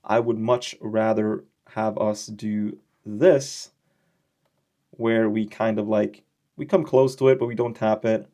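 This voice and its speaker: Speaking slowly in a fairly low, dark, steady voice, a young trading educator gives a casual lesson over his screen. His explanations are chatty and loose, peppered with slangy, joking asides and check-in questions.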